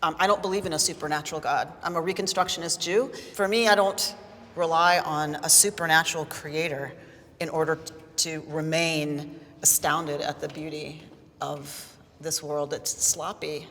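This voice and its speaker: A woman in her fifties who is a rabbi speaks thoughtfully on a discussion panel and pauses to search for her words. Her voice is slightly low. A long reverb from a large room surrounds her. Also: fairly even intonation, fairly bright tone, slight background noise. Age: 50s.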